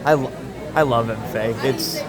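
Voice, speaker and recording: A young man from Lexington, chatting earnestly and haltingly in a casual interview. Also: mid-range voice. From Lexington, Kentucky. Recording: loud crowd chatter in busy venue. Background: loud crowd in a public space.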